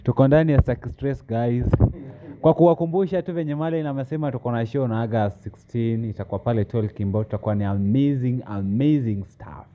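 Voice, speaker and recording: A Kenyan man talks casually to camera and friends in a medium-pitched voice. The sound is a little dull, with faint noise behind him. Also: fast talker.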